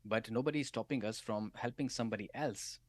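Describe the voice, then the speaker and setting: A man's voice: medium pitch, fast, dry recording. A man being interviewed on a podcast as a solutions architect, giving advice and often checking in with "right?". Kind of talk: casual interview chat.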